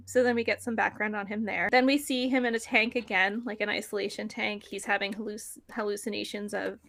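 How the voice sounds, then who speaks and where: A woman co-hosting a podcast, recapping a film in casual chat, full of "like" fillers and quick laughs. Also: medium pitch, fairly even intonation, gravelly, a bit bright. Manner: chatty, frequent "like" fillers and laughs. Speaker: podcast co-host.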